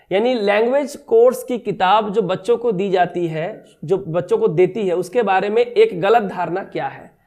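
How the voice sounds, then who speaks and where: High-voiced teacher explaining exam questions. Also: male voice, darkish tone. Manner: reads English questions slowly, then explains in Hindi. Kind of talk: exam-prep MCQ lesson.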